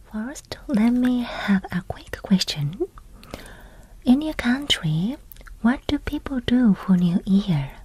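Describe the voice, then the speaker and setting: Short, gentle, simple phrases make up this soft language lesson from a woman with a Japanese accent who speaks in a breathy whisper. Her pitch is fairly high, and the low-quality recording has no room sound.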